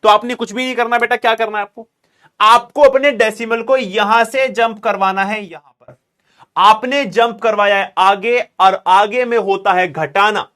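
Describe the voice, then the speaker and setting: A man's voice: high-pitched, fairly even intonation, moderate pace, pushed and bright. A man teaching a chemistry class, mixing phrases into his explanation, calling students "beta" and urging them to make some noise. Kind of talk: classroom lecture.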